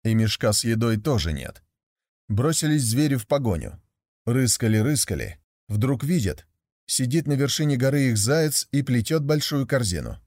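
Man, fairy tale narrator, steady, measured, middle pitch, dry recording. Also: no echo. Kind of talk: reading a fairy tale aloud.

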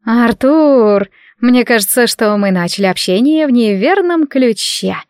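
A sly, scheming head witch, as a woman reader plays her in an audiobook, her words honeyed and venomous. The voice is fairly high and sits dry and close. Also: moderate pace, no room sound, close to an everyday voice. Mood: sugary.

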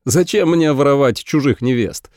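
A man's voice: mid-range voice, moderate pace, a little mellow, no room sound, clean studio sound, voice pushed up, close to an everyday voice. A man voicing a proud, arrogant young male clan heir who speaks coldly and mockingly. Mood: haughty. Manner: cold, mocking and haughty.

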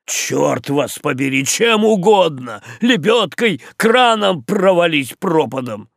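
A man doing a gloomy, gruff sea captain. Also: medium pitch, very animated, slow pace, dry recording, studio quality, exaggerated voice. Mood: furious. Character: stern, gloomy male ship captain.

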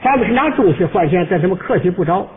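A man playing a brash, rude male shop clerk, talking in a scornful, sharp-tongued way in a comic monologue. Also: high-pitched, animated, quick pace. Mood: boastful. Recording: tinny old radio recording with faint hiss.

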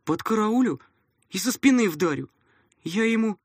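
A scrawny orphan boy from a storybook mumbles and sniffles, as a man puts him on, his voice pitched higher like a young teen's. Beneath the hurt he sounds wolfish and stubborn. The read is dry and close to the mic. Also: expressive, moderate pace, no echo. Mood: sullen. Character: skinny teenage orphan boy, sullen and wolfish.

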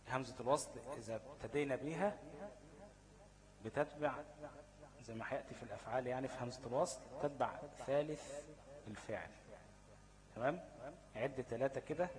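A man's voice: medium pitch, poor audio. Give me a man with an Egyptian accent teaching recitation rules, stopping often to check his listeners understand. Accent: Egyptian Arabic. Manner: repeats key words as questions to the listener. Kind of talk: tajweed lesson explanation.

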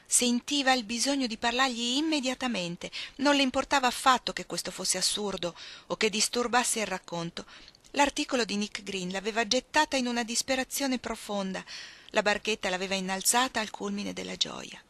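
Brief: female reader for literary narration, measured and expressive, bright voice. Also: a little high, no room sound. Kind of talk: scripted narration of a novel.

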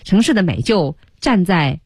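A woman's voice: on the low side, lively intonation, a little mellow, husky, dry recording, clean studio sound. A woman co-hosting a radio English lesson, breaking down word roots with a playful, joking manner. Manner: playful and teasing, quick with jokes. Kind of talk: teaching English words in conversation on radio. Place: radio studio.

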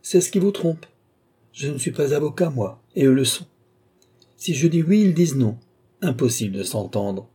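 A man's voice: mid-range voice, lively intonation, normal speed, dark tone, breathy edge, voice pushed up. A man voicing a weary, mocking king with dry irony, in an audiobook reading. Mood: wry. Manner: mocking, wry.

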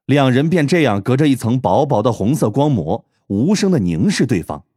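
A man narrating an audiobook in expressive, wide-ranging storytelling. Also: medium pitch, moderate pace, no echo, studio quality. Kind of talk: scripted narration.

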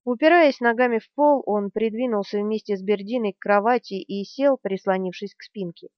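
A woman narrating a fantasy audiobook in a measured, dramatic reading. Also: medium pitch, dry recording. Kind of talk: scripted narration. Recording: dry, slightly dull studio sound.

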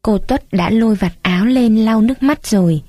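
A woman reads a story aloud in a calm, measured way. Her voice is mellow and warm. The recording is close and dry. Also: on the high side, dry recording. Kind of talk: storybook narration.

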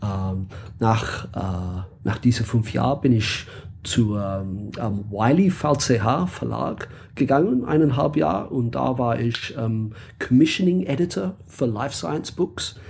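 A man's voice: medium pitch, lively intonation, measured pace, creaky, a little mellow, a little hiss or hum. A man from England with an English accent, a guest in a casual interview, speaking hesitantly with many fillers and searching for words.

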